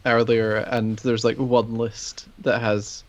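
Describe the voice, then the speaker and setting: A man's voice: medium pitch, flat delivery, takes it slowly, lo-fi sound. A Scottish-accented man chatting casually as a panellist on a podcast, recorded at home on a video call. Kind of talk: casual chat.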